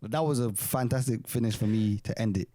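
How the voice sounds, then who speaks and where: A man's voice: medium pitch, quick pace, warm tone, dry recording, studio quality. Man, twenties, London roadman accent, talkative, slangy, casual co-host banter. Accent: London urban roadman slang accent. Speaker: podcast co-host.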